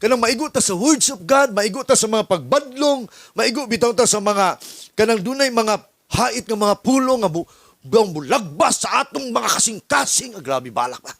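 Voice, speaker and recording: A male pastor from the Philippines preaching a sermon as an animated story, acting out dialogues. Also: high voice, normal speed, no room sound, clean studio sound.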